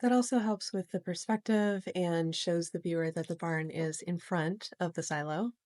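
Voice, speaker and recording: Calm low-voiced woman narrating a painting tutorial. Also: normal speed, no echo. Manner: gentle, explanatory, step-by-step. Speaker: art tutorial host.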